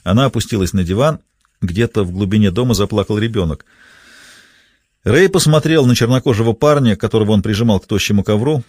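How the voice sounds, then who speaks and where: A man's voice: lowish voice, quick pace, darkish tone, husky, dry recording, clean studio sound. A man narrating a crime thriller audiobook in a dramatic, tense way.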